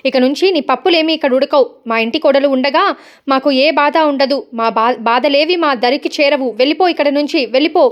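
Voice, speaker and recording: A woman voicing a stern older father of the house who scolds sharply, in a high, fast voice. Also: dull audio, natural voice. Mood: angry.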